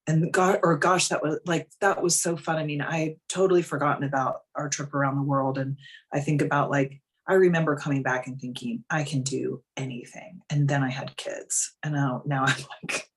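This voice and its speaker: A woman in her thirties talks through a live coaching call in a slightly low voice. She is frank and chatty, swears now and then and fills her sentences with "like.". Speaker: life coach.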